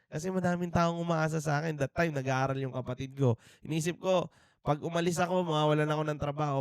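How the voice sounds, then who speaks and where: In a dry, clean studio recording, a Filipino man in his thirties offers an honest faith testimony as a podcast co-host, blending Tagalog with English. His mid-range voice is clear, resonant and a little mellow. He comes across as earnest and thoughtful, with many fillers and restarts.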